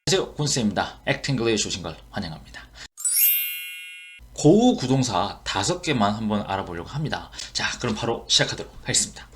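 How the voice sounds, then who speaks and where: A man's voice: lowish voice, sing-song, brisk, slight background noise. A man with a Korean accent teaching English expressions in an online lesson, repeating each phrase and explaining it.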